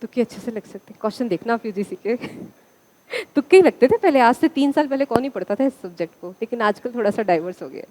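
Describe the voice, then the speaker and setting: A woman's voice: a little high, dark tone. A woman teacher giving a classroom lecture, asking the students questions and answering them herself.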